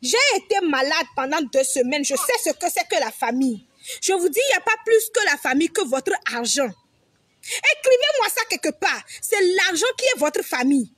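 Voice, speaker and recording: Young woman, high voice, emphatic and repetitive, dry close sound. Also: very animated, moderate pace, fairly bright tone, no room sound. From Togo. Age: young adult. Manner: blunt, swears freely. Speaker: vlogger. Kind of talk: direct-to-camera advice monologue.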